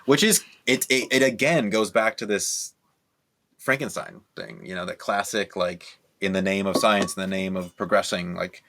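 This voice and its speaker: A man talking casually with friends about a film on a podcast, lively and full of quoted reactions. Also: low-pitched, moderate pace, background noise. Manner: animated, talks in bursts with restarts and quoted reactions. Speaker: podcast co-host.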